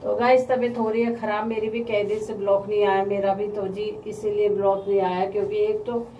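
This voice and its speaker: A woman's voice: mid-range voice, little pitch movement, fairly quick, warm tone, far from the mic, slight background noise. Chatty woman vlogging at home, echoey. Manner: chatty, often addresses viewers as guys. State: mouth ulcers, speaking slowly. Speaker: family vlogger. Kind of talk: casual home vlog chat.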